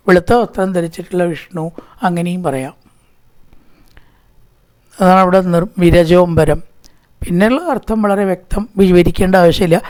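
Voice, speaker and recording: A man giving a scripture discourse. He intones each Sanskrit verse slowly and deliberately, then drops into an easy, talkative way of explaining its meaning. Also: high voice, a little mellow. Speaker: scripture teacher.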